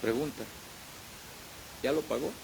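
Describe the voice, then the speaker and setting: A man with a Mexican accent, a pastor preaching a sermon in church, animated and storytelling, swinging between loud and quiet. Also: mid-range voice, unhurried, gravelly, noisy background. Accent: Mexican Spanish.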